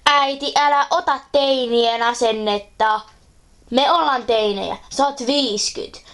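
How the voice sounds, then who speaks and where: A woman's voice: a little high, steady tone, fairly bright tone. A woman voicing a sulky, snappish teen girl pet toy in a homemade toy video.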